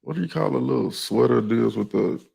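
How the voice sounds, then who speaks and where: A man's voice: mid-range voice, a little fast, gravelly, mellow, breathy edge. A young man with a Southern accent from Texas, chatting casually in a loose, laid-back way that keeps checking in with the listener. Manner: laid-back, loose, keeps saying "you know what I mean". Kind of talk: casual chat.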